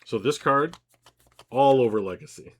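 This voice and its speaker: A man bantering casually during a card game, joking, swearing and teasing his opponent. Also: medium pitch. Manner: joking, swears often, quick teasing asides. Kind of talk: casual banter while playing.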